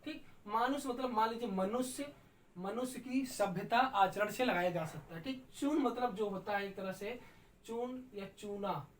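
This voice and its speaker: A woman's voice: mid-range voice, unhurried, slight background noise. A woman teacher giving a patient, explanatory grammar lesson and often checking in with her students. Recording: distant mic with faint room ambience.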